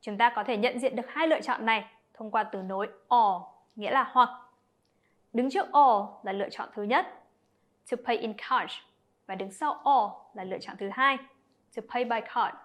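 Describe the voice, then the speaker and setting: A woman teacher walks young pupils through each example in a clear, explanatory way. Her voice is slightly high, and she speaks straight to the children as she breaks down every point. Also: normal speed, a bit bright. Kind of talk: explanatory lesson narration.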